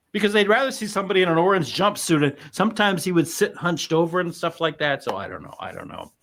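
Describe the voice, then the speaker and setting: A man's voice: sits high, sing-song, normal speed, vocal fry, long pauses, fairly bright tone. A man who is a lawyer hosting a true-crime channel, chatting casually on a video call with a rambling, emphatic manner and self-deprecating asides. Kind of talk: casual panel discussion.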